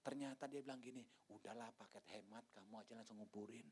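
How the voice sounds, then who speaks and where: Indonesian pastor in his 50s, lively storytelling sermon, goes quiet then shouts, does the voices. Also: medium pitch, fast talker, breathy edge. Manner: animated storytelling, swinging between hushed asides and loud exclamations; acts out dialogue in different voices. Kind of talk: sermon with personal testimony.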